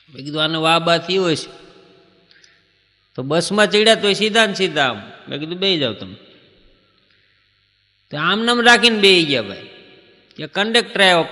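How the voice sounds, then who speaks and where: A man's voice: high-pitched, sharp tone, big-room sound. A man performing stand-up comedy, telling anecdotes and acting out short exchanges between people. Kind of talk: Gujarati folk stand-up storytelling.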